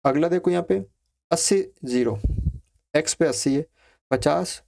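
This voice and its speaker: Slow, step-by-step male maths teacher. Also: fairly high pitch, vocal fry, darkish tone, a little hiss or hum. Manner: slow, step-by-step explaining, counting out values aloud; asks students questions, repeats phrases like ठीक है. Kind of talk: blackboard maths lesson.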